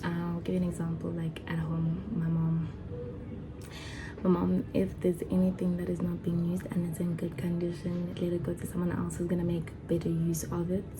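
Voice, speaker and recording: A woman in her twenties talking casually to camera as a vlogger, chatty and excited, with many fillers and restarts. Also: fairly low pitch, moderate pace, background noise. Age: 20s. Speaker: vlogger and foundation founder.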